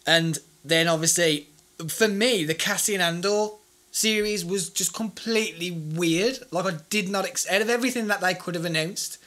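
Bright-voiced excitable podcast host. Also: male voice, high-pitched. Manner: excitable, laughs often, quick bursts. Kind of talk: casual chat.

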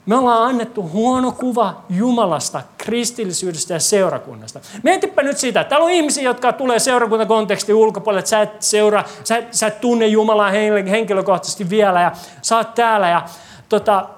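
A preacher delivering a sermon in a church hall, asking the congregation lively rhetorical questions and adding wry, joking asides. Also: medium pitch.

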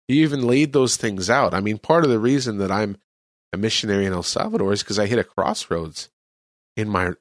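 A missionary from California with a fairly low voice talks earnestly, almost like a preacher, about faith in an interview. The recording is dry and clean, with studio sound.

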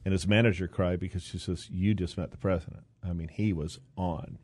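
A low-voiced older man speaks as a guest in a relaxed interview, close to the mic in a dry room. He wanders through his stories, full of fillers and restarts. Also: brisk, husky, no echo. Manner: rambling storyteller, many fillers and restarts. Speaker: interview guest, university board president. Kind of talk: casual interview chat.

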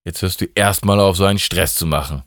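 A man's voice: fast talker, fairly bright tone, no room sound, clean studio sound. A man playing a frazzled, drugged-up God. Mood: exasperated. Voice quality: rambling, exasperated, rising to a high pitch. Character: stressed drug-addled God, male, ancient, irritable.

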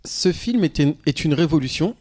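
A man's voice: fairly high pitch, animated, normal speed, darkish tone. A man presenting his segment on a casual group podcast, hesitant and restarting often. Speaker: podcast co-host giving a segment.

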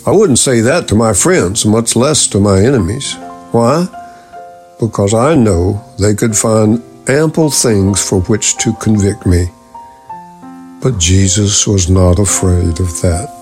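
Middle-aged male radio teacher: deep-ish, unhurried, deliberate scripted delivery. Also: darkish tone, faint music behind.

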